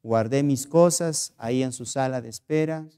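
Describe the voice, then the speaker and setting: A man's voice: medium pitch, normal speed, warm tone, clean tone. A man with a Peruvian Spanish accent, preaching a sermon as pastor. He asks earnest rhetorical questions and tells stories.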